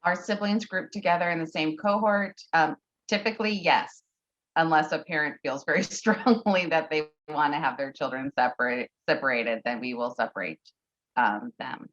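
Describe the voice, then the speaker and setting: A woman's voice: low-pitched, normal speed, fairly bright tone. A woman on a conference call, answering parent questions in an online info session, hesitant with many fillers. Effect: conference call audio. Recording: dull lo-fi conference call audio.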